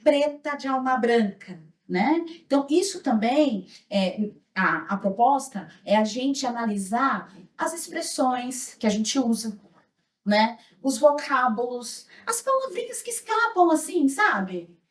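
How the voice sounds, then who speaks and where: Earnest high-voiced woman in an echoey hall. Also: animated, slow pace. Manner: earnest, reflective, tags lines with "né?". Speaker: speaker leading an anti-racism workshop. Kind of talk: workshop talk with a small group. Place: hotel auditorium. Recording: echoey room, mic at a distance.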